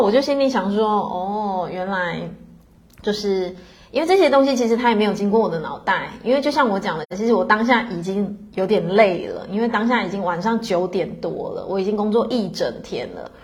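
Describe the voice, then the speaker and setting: A woman's voice: medium pitch, expressive, fairly quick. A middle-aged woman telling a personal story in a casual, chatty way, full of fillers and tag questions. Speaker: podcast host.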